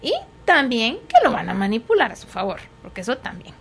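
A woman's voice: fairly high pitch, big pitch swings, a little fast, a crowd in the background. Patient woman psychologist explaining in a conversation. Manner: explains patiently, often asking for agreement. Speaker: psychologist guest.

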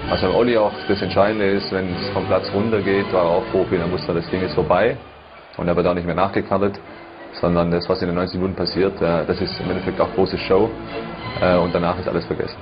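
A man's voice: low-pitched, little pitch movement, fast. A man speaking fluently as a football interviewee. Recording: dull broadcast audio, loud music. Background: loud music.

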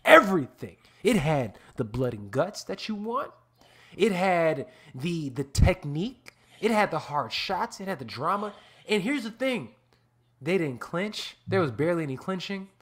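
A fairly high-voiced man hosting a fight podcast with a loose, profane energy. He swears freely and laughs easily as he talks through the year's fights. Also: a little slow, slightly rough. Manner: profane, excitable, laughs often. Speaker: podcast host. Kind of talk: casual roundtable chat. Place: home podcast setup.

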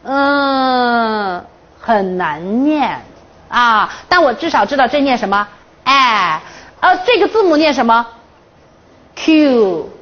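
High-voiced woman teaching a phonics class. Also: animated. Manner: drills the class with counted chants and quick questions; playful, teasing questions. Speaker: English teacher. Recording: dull lo-fi classroom recording.

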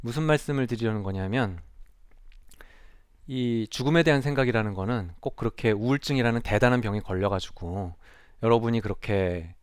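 A man's voice: medium pitch, brisk, clean tone, dry recording. Male psychiatrist giving a stage talk, storyteller type, asks the audience questions, mid-range voice, dry close sound. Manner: storytelling, acts out quoted speech in a raised voice; addresses the audience directly with questions. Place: lecture stage before an audience.

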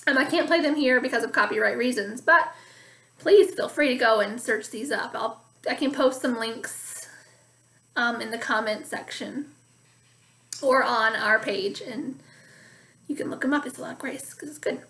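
This thirties-aged woman teaches little kids music from her home dining room, singing call-and-repeat phrases between slow, clear explanations. Her pitch is fairly high with a bit of brightness, picked up by a laptop or webcam about an arm's length away.

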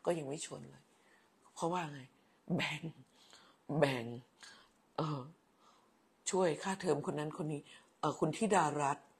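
ผู้หญิงวัยกลางคน อดีตครู คุยไลฟ์สดอ่านคอมเมนต์ผู้ชม พูดแบบแม่ๆ ชอบแซว พูดซ้ำคำ. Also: female voice, low voice, darkish tone, breathy edge. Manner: chatty, motherly, teasing, repeats words. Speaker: livestream host, former teacher. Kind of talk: casual live chat reading viewer comments.

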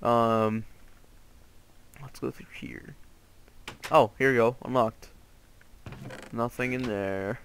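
A man's voice: medium pitch, fairly even intonation, slow pace, pauses often, a bit bright, slight background noise. A young man playing a horror game and commenting as he goes, joking and yelping in panic at the scares. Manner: jokey, jumpy, yelps and panics at scares. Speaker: gamer playing a horror map. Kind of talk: let's play commentary.

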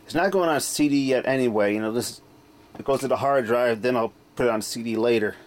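Speaking fairly quickly in a mid-range voice, a man casually talks through a hands-on demonstration for his hobby vlog. He's indoors in a dimly lit room at home, and the sound from his handheld camera's built-in mic is noticeably noisy.

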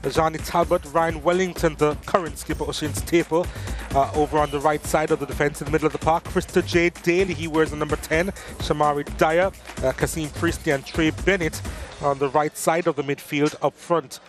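A man giving measured football commentary over match highlights, reading lineups and stats. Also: steady tone, music in the background.

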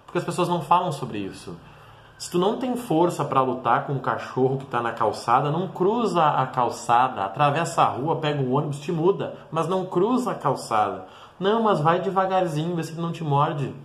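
A man who works as a mentor and vlogger delivers a motivational monologue straight to the viewer, speaking bluntly and with emphasis. His voice is on the high side, expressive, and fairly quick, recorded in a roomy, echoey room.

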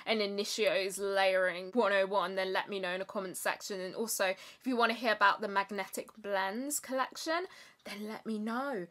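A woman's voice: mid-range voice, sharp tone. A young adult woman, chatting playfully to camera about perfume, with dramatic asides and sudden whispers. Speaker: perfume vlogger. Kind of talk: casual chatty review to camera.

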